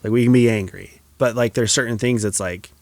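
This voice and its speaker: A man hosting a podcast, talking in a reflective, soft-spoken way with many casual fillers. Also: mid-range voice, fairly even intonation, fairly quick, no echo. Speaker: podcast host.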